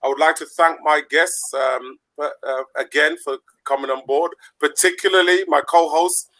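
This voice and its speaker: Caribbean-born male host, higher voice, bright tone, chatty and rambling, video call audio. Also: fairly even intonation, poor audio. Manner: chatty, rambling, quick to laugh. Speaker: podcast host. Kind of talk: casual online show chat.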